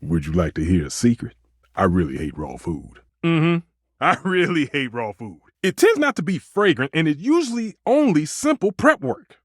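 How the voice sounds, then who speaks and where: A living stove chef from a dating game, dramatic and flirtatious. The voice sits a little high for a male and swoops hugely between exclamations and murmurs. It is recorded very dry and close, with theatrical passion in the phrasing. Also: wildly swooping pitch, moderate pace, slightly rough, no echo, full character voice. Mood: earnest, tender. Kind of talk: voiced dating video game character lines.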